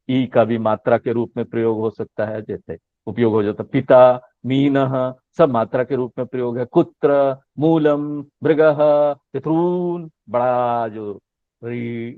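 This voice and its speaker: A man's voice: medium pitch, slow, no room sound. A male Sanskrit teacher explaining a lesson, reciting letters one by one and asking rising questions of his class. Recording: tinny phone-line sound, dry.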